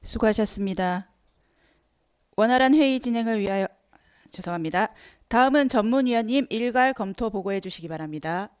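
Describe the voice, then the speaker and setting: A woman's voice: medium pitch, animated, fairly quick, darkish tone, smooth, no room sound. Woman chairing a council meeting, dry room. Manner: formal procedural phrasing. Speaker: committee chair.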